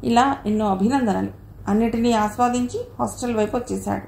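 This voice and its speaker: Lady reading a novel out loud, steady, echoey room, bit of hiss. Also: fairly high pitch, fairly quick, creaky. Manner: steady, storytelling. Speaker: audio novel narrator. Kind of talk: scripted narration. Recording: roomy echo, faint noise.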